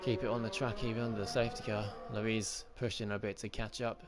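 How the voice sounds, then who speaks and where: A man's voice: fairly low pitch, level tone, fast, very noisy. A man giving live motorsport commentary on an online race, calling the action as it happens and repeating key phrases as he reacts. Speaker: esports racing commentator. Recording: music bed behind, car engine sounds.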